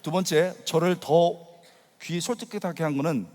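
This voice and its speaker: A middle-aged man preaching to young people in a large church, telling his story with lively acted outbursts. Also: a little high, measured pace, background noise. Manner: animated storytelling, acting out his younger self with sudden loud outbursts. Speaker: pastor preaching at a youth worship rally. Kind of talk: sermon. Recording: long hall reverb.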